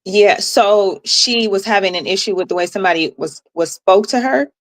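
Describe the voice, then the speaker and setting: A woman health coach as a podcast guest, explaining in a calm, measured way with pauses. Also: mid-range voice. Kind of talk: podcast interview.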